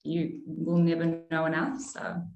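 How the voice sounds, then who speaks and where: A young adult woman from Iraq, a pharmacist turned sales manager, talks through her work in a friendly, casual way, often pausing on ums. Her voice sits slightly low for a woman, and the room gives it a noticeable echo. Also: monotone, a little mellow, lo-fi sound. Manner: friendly, chatty, frequent ums. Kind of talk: casual interview answers. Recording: roomy echo.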